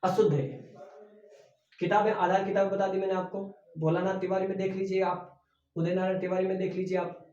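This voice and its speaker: A man's voice: high voice, level tone, fairly quick, a little mellow. A man teaching an exam-prep grammar lesson who often asks the class his own questions back and then answers them. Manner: repeats key words as questions to the class. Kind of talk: classroom lecture for exam preparation. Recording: echoey room, voice from a distance, dull sound.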